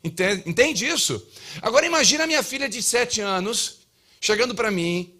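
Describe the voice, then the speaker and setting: Bright-voiced male preacher. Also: sits high, moderate pace. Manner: humorous, acts out dialogues; lively, emphatic preaching. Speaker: pastor. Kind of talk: sermon. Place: church.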